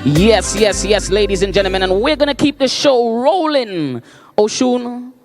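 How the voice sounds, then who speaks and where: An event MC, announcing to a crowd in a booming, pumped-up way. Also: animated, measured pace, music in the background.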